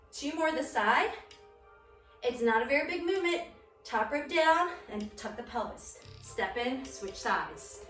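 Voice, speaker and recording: Over music in an echoey room, a high-voiced woman leads a workout as an aerobics instructor. She gives short, encouraging commands and counts out moves, sounding physically active as she demonstrates. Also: fairly bright tone. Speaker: aerobics and core fitness instructor. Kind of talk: exercise class instruction with counted cues. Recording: roomy echo, distant mic, music underneath.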